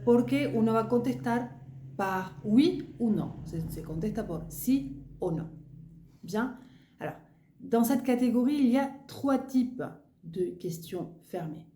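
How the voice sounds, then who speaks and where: A woman's voice: on the high side, animated, a little slow, dark tone, slight background noise. A woman teaching French grammar in a lesson, explaining patiently and repeating example questions with rising intonation. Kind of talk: language lesson switching between French and Spanish. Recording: echoey room.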